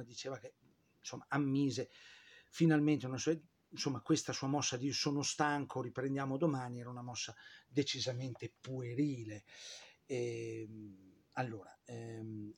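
A man's voice: mid-range voice, a little mellow, husky. A man telling history in an informal, chatty way, with frequent fillers and sarcastic asides. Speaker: history presenter.

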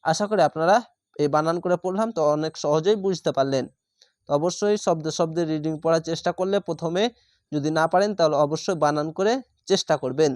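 Smooth-voiced man teaching slow Quran spelling. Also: on the high side, a little mellow, dry recording, clean studio sound. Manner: spells Arabic words syllable by syllable, stretching vowels, then explains; patient, repeats each word twice. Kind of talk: spelled-out Quran reading lesson.

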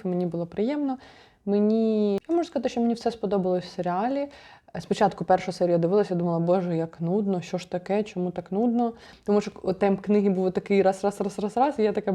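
A young woman reviews a book in a casual chat, rattling along at a fast pace. Her voice sits fairly low and sounds very dark and mellow. She is lively and rambling, with lots of fillers and self-corrections. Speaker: book vlogger.

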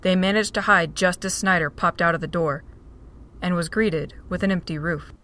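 A woman narrating an amateur audio drama with an even, steady reading. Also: lowish voice, moderate pace.

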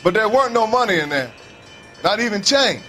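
A working-class American railway worker in a 1940s detective game. His talk is colloquial and guarded, in a fairly high voice, with light outdoor noise around him. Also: very animated, brisk, pushed and bright, exaggerated voice. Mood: defensive. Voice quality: folksy, colloquial, defensive. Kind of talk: naturalistic game acting. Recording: noisy outdoor ambience.

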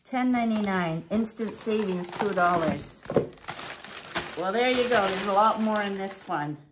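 In a very noisy recording from a camera fixed at her kitchen table, a Canadian vlogger with a mid-range voice talks a little slowly through her grocery haul. She's chatty, reads prices out loud, and thinks aloud as she goes.

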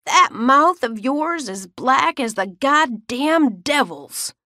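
A woman's voice: a little high, expressive, takes it slowly, pushed and bright, dry recording, clean studio sound, exaggerated voice. A woman voicing a stern, short-tempered old grandmother who scolds harshly, in an audiobook. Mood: furious. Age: older.

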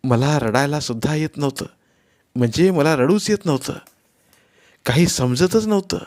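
A man reading a novel aloud in the first person, expressive and voicing each character himself. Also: fairly low pitch. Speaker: audiobook narrator.

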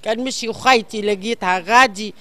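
A woman's voice: mid-range voice, quick pace, bright, forceful tone. An older woman with a Tunisian accent, pleading and complaining in an agitated, insistent way in a street interview, repeating her phrases. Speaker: member of the public interviewed in the street. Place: outdoors on a city pavement. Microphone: handheld reporter microphone held close.

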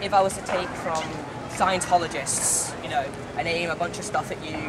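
A man's voice: on the high side, fairly even intonation, moderate pace. Young man arguing in a noisy city square. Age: young adult. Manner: earnest, rambling, talks over the other speaker. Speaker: passerby debating a preacher. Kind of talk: heated street debate. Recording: distant outdoor recording with crowd and street noise.

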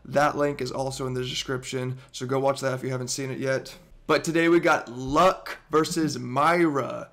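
A hoarse man in his twenties, voice almost gone, reacts to a gaming montage as a YouTuber, excitable, swearing often, stammering and laughing. He speaks at mid-range pitch and normal speed into an over-ear headset in his bedroom.

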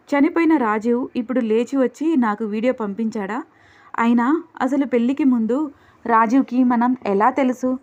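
A woman's voice: a little high, darkish tone, lightly acted. A woman voicing an angry, distrustful young wife and mother who speaks in a scornful, accusing way. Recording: dull lo-fi recording.

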